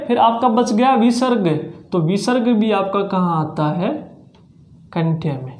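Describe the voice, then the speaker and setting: A teacher giving an exam-prep grammar lesson, drilling slowly and sounding out each letter aloud to demonstrate. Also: mid-range voice, a little mellow. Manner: slow, repetitive drilling with frequent "ठीक है" checks. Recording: roomy echo.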